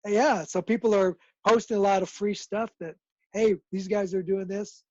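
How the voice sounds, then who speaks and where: A man's voice: high-pitched, steady tone, normal speed, warm tone, no echo, muffled recording. A man chatting casually as a guest, easygoing and rambling as he tells his stories. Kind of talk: casual video-call chat.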